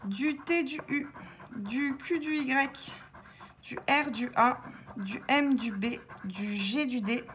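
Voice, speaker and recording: Chatty woman slowly scratching lottery tickets. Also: high voice, a bit bright. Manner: chatty, thinks aloud, spells out letters. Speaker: scratch-card vlogger. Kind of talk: casual commentary while scratching tickets.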